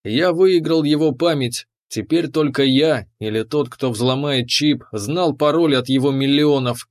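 A man's voice: mid-range voice, a little slow. A man reading a first-person science fiction audiobook as narrator.

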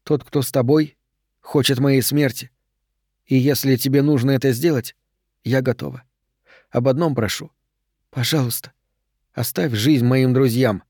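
A male reader voicing a young woman who speaks quietly and steadily, resolved to face her fate. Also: medium pitch, fairly even intonation, unhurried, pauses often, slightly rough, no echo, clean studio sound. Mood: resolute. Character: young woman, resolute, calm before death.

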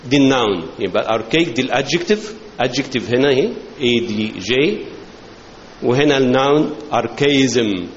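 Male lecturer, Egyptian accent, patient bilingual explanations, recorded in a big echoey hall. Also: medium pitch. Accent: Egyptian Arabic. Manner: explains slowly, switching between English and Arabic. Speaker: teacher. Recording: roomy, dull, hissy hall recording.

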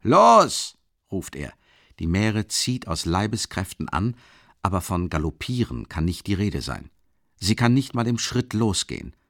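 A middle-aged man narrating a novel as an audiobook in a dramatic, expressive way. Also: low-pitched, moderate pace, no room sound, studio quality. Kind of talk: scripted literary narration.

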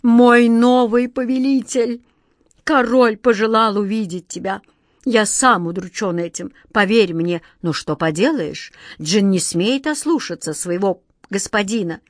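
A woman's voice: mid-range voice, a little slow, no room sound, studio quality, lightly acted. A woman voicing a big, dutiful and anxious male genie who speaks solemnly. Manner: solemn, formal, worried.

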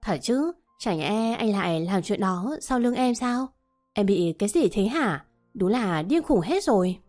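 A woman's voice: mid-range voice, lively intonation, measured pace, a little mellow, soft background music, lightly acted. A woman voicing an abusive middle-aged man who blusters and threatens a young maid. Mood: coaxing. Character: bullying middle-aged man, the mistress's partner.

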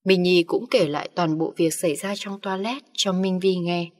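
A woman narrating a romance story in an even, storytelling manner. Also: lowish voice, normal speed.

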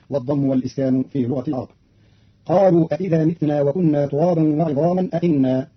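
Male radio presenter, formal explanatory delivery, slightly high voice, muffled archive recording. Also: breathy edge. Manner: formal, explanatory, quotes verses in a slower voice. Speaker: radio announcer explaining recitation variants. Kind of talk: formal scripted radio commentary.

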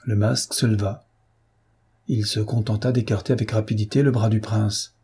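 Man, audiobook narrator, husky, mellow, measured. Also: fairly low pitch, steady tone. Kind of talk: reading of a classic novel.

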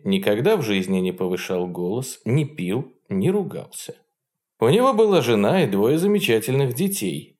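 Low-voiced male audiobook narrator. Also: a little mellow. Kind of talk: scripted narration.

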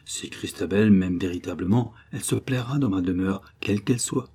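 An earnest young knight with courteous, romantic speech, played by a male reader. His voice is low and husky, dark in tone. He speaks within a read-aloud historical tale. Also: brisk. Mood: proud.

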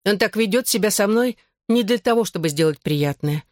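A reader voicing a bubbly, excitable teenage girl who fiercely takes her best friend's side. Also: medium pitch, no room sound, clean studio sound, pitched above the performer's own voice, close to an everyday voice. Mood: grumbling. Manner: quick to excitement and indignation.

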